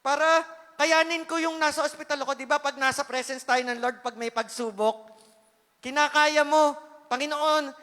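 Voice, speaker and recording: High-voiced man preaching in a reverberant hall. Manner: earnest, swings between loud pleading and hushed asides. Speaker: church speaker giving testimony. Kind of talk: emotional sermon testimony.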